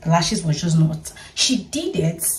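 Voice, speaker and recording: A woman in her 30s, a vlogger, gets ready at home in her bedroom for a casual get-ready-with-me video, chatting playfully and laughing often. Her lowish voice is very animated but keeps a measured pace, captured on a distant mic.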